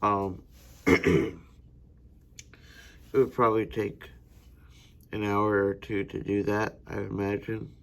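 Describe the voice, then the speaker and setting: Slow, gravelly-voiced American man explaining. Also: on the low side, little pitch movement, fairly bright tone. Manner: unhurried, hesitant with fillers. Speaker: gunsmithing student. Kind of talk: instructional demonstration.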